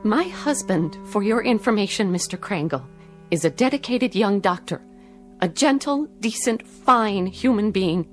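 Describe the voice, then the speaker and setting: An actress in an old 1960s TV drama, with faint music on the soundtrack, portrays a young doctor's wife who indignantly and earnestly defends her husband in protest. Her mid-range voice is expressive and lightly acted, a little slow.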